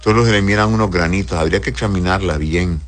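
A low-voiced man talks fast as a doctor on a live advice show, reading viewers' health messages aloud and answering them tenderly. He uses affectionate words for his callers, calling them "corazón."

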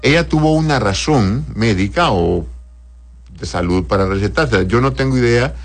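A man's voice: medium pitch, lively intonation, normal speed, faint music behind. A man who is a doctor, reading out viewers' questions and answering them with plain advice, often adding a questioning "right?" at the end. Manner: plain advisory tone, tags "¿verdad?".

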